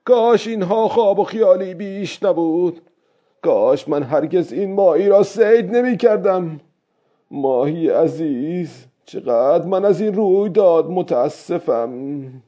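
A man's voice: medium pitch, mellow, pitched above the performer's own voice, close to an everyday voice. A man voicing a weary old fisherman who talks to himself in a raised, strained, plaintive voice. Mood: sorrowful. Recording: dull lo-fi recording.

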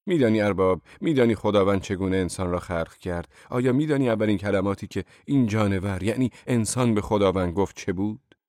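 A man voicing a boisterous, mocking older male laborer who talks loud and teasing in an audiobook. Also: lowish voice, few pauses, no echo, clean studio sound, close to an everyday voice. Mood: rowdy teasing.

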